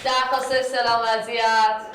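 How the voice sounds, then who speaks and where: A woman's voice: fairly high pitch, level tone. A woman narrating a mafia game and formally announcing each phase, recorded in a game cafe. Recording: echoey room, distant mic, noisy.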